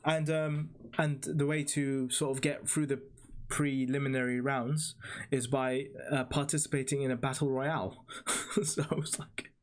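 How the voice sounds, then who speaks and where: A man's voice: medium pitch, flat delivery, measured pace. A man co-hosting a casual podcast, explaining things at length with plenty of fillers. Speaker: podcast co-host.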